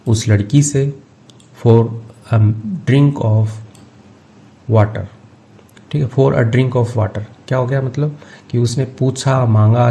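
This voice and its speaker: A man teaching English, reading each phrase of a story slowly and then explaining it. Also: medium pitch, vocal fry, mellow. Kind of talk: line-by-line translation lesson.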